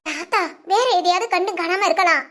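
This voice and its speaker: A woman playing a nosy village gossip, very high-pitched. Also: a little fast, a bit bright. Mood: prying. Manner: prying, wheedling, gossipy. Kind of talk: village drama acting.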